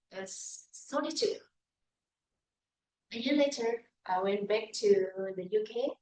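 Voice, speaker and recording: This is a prepared humorous speech at a speaking club by a middle-aged woman from Indonesia, who tells stories at her own expense. Her voice is mid-range. The recording comes from afar in an echoing meeting room.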